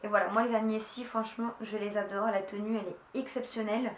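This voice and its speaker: A woman's voice: medium pitch, steady tone, fast. Young woman rambling happily about her haul, lots of um and restarts, roomy echo, faint hum behind. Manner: chatty, enthusiastic, many fillers and restarts. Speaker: beauty vlogger. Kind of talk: casual haul video chat. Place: room at home. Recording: echoey room, faint ambience.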